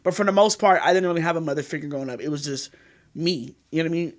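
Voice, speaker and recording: Talking very fast in a low voice, this California woman in her thirties is an interview guest who goes on at length. She's frank and rambling in the candid conversation, often saying "you know what I mean."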